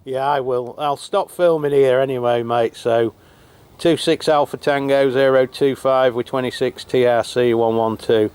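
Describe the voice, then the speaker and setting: An English man reviews a radio to camera on a cold, rainy hilltop, speaking chattily with plenty of fillers and restarts into a handheld radio mic with a camera. At a moderate pace, his mid-range voice is fairly even, darkish and clean, with no echo.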